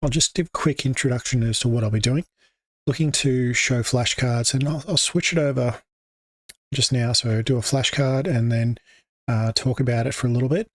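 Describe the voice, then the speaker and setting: With a medium-pitched voice, a steady tone, and a moderate pace, an Australian man speaks unscripted on his English-teaching livestream. There is no room sound on his desk microphone. He uses many fillers and frequently restarts his sentences.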